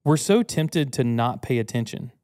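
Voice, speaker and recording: A man's voice: medium pitch, animated, normal speed, darkish tone, dry recording, studio quality. A man in his thirties hosting a podcast, talking earnestly and casually, rambling a bit with restarts and self-deprecating asides. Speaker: podcast host. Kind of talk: casual teaching talk.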